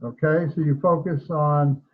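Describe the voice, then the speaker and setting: A man leads an online class in a relaxed, chatty way, laughing easily between points. His voice sits a little high for a man. It comes through a thin, tinny video call line. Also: a little slow. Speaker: instructor.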